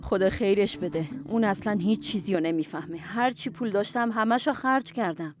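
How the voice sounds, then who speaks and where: A woman's voice: mid-range voice, lightly acted. A woman voicing a weary mother who is short of money, speaking in a soothing, reassuring way, in a dubbed drama. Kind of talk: Persian drama dubbing.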